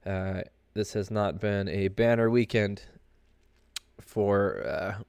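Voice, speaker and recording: A man's voice: lowish voice, fairly even intonation, slow, a little mellow, smooth, no echo. A man who sounds congested with a cold, hosting a podcast with casual, rambling solo sports commentary. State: under the weather, congested with a cold. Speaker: podcast host.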